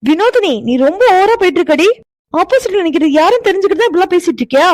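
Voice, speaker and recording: A woman's voice: extremely high pitch, animated, very fast, a little mellow, no echo, voice pushed up. A woman voicing a young cartoon woman who firmly scolds her friend and urges her to listen. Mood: scolding. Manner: firm, scolding. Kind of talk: cartoon voice acting.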